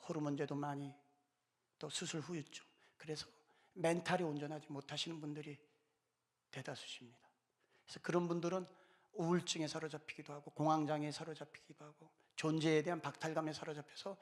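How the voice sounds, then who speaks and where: A man in his fifties giving an impassioned church talk, pleading with urgent fervor. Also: fairly high pitch. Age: 50s. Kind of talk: impassioned exhortation.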